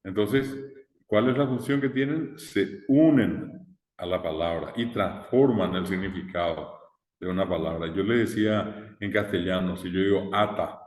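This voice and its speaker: Deep-voiced man teaching class. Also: normal speed, darkish tone. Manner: explains step by step with frequent "eh" and rhetorical questions. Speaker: language teacher. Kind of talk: recorded online class lecture. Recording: echoey room with long reverb.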